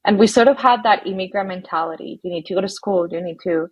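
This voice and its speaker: A woman from Colombia, a guest psychologist, talking in a reflective, halting way with soft laughs between phrases. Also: medium pitch, husky, dull audio. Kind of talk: casual interview conversation.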